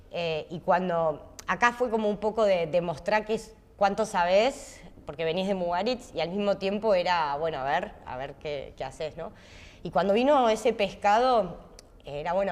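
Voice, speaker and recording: Female chef, Argentine accent, slightly low pitch, animated storyteller who quotes her past self. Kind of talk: interview storytelling.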